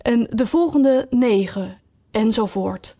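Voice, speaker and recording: Sighing sea creature, male, self-pitying, slow and drawn out, raised pitch, as a woman reads him. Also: mellow. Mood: mournful. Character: mournful sighing male Mock Turtle.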